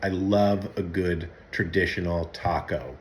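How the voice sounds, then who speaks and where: A man presents from his dining room table in a friendly, easygoing way. His voice is very deep, and a faint hum of noise sits behind him. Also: fairly even intonation, measured pace. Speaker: show host. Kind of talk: casual presenting at home.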